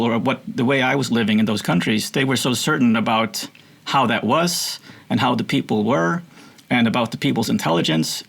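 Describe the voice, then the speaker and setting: A Swedish man with a somewhat American accent speaks as an interview guest. His voice is deeply gravelly and husky, and he talks in an earnest, reflective way. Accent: American-sounding, from international schools. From Sweden. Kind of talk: conversational interview.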